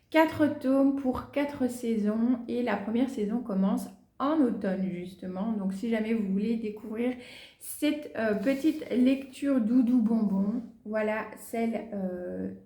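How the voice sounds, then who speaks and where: Woman book vlogger with a higher voice; casual, filler-heavy chat, showing books to the camera in a roomy, echoing space. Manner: chatty, many fillers and soft asides. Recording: echoey room.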